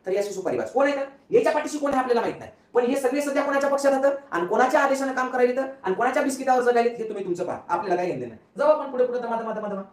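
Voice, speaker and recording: A man's voice: very high voice, expressive, very fast, few pauses. A man, giving a casual, mocking political rant to viewers with repeated rhetorical asides. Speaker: political commentator. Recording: roomy, from a distance off mic.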